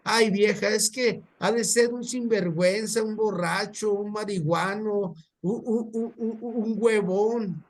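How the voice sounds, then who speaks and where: A proud, dismissive rich Mexican man brushes others off in curt, scornful words, as a male preacher acts him out. His voice sits fairly high. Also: slow, few pauses.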